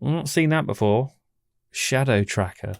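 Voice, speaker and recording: A man's voice: mid-range voice, normal speed, creaky. A man hosting a paranormal debunking channel, explaining things in a skeptical, casual way. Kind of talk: casual commentary and testing.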